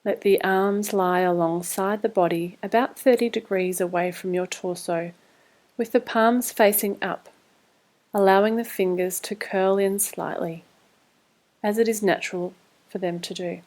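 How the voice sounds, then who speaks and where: In a calm, soothing, measured tone, a woman reads scripted instructions for a guided body scan meditation. Her voice is mid-range.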